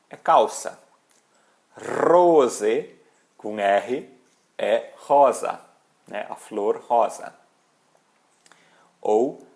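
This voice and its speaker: A man teaching pronunciation, speaking slowly and deliberately and repeating example words with careful articulation. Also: medium pitch. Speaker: German language teacher. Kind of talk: pronunciation lesson.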